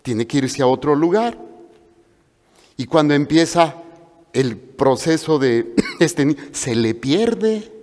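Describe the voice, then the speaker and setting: A Mexican man preaching to a congregation, his voice a touch high for a man, and he tells stories in an animated way, acting out the people in them. The sound rings with the long reverb of a large church hall. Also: slow pace, pauses often. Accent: Mexican Spanish. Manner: animated storytelling with acted-out voices. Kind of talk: sermon.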